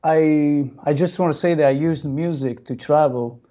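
Man, Italian accent, Italian native speaker, plain simple phrasing, warm dark tone, video call audio. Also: fairly high pitch, moderate pace, dull audio. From Italy. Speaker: guest. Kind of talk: sharing a personal testimony. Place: home room, on video call.

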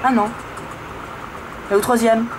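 A woman giving casual, excitable horror game commentary, urging the player on. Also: moderate pace. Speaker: gaming video host. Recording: noisy room, low-grade camera audio.

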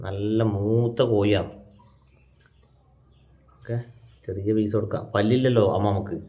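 A man's voice: lowish voice, fairly even intonation, a little slow. A young man with a North Malabar Malayalam accent, chatting casually to viewers in a family vlog at home and explaining things as he goes. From Kannur, Kerala. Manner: chatty, explains things to viewers, calls out loudly to his grandmother. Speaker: family vlogger. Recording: dull lo-fi sound.

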